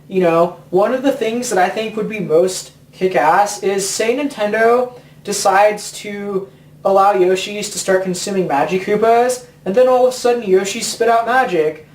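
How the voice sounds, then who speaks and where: A man giving a profane, rambling comedic rant about video games. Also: high-pitched. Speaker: video game commentator. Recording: roomy sound from a distant mic.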